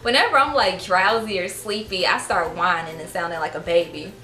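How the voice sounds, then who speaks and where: A woman's voice: lowish voice, fairly quick, sharp tone, roomy sound, faint music behind. A young adult woman casually telling a personal story to her viewers, full of "like" and "um". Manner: chatty, lots of fillers like "like" and "um". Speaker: vlogger.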